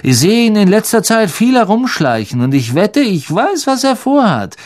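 A man's voice: sits high, very animated, normal speed, voice pushed up. A man voicing an arrogant, scornful teenage schoolboy with a sneering way of talking.

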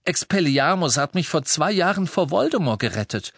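A man's voice: a little high, lively intonation, measured pace, dry recording, studio quality, pitched above the performer's own voice. A man voicing a shaken, defiant teenage boy wizard arguing his case. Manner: defiant, agitated pleading.

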